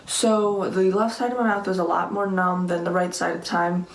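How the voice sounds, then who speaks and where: Female vlogger, late teens, slightly low pitch, informal rambling storytime delivery, echoey room sound. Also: fairly even intonation, moderate pace. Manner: rambling, conversational, peppered with "like". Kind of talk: casual personal storytime to camera. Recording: echoey room with faint background noise.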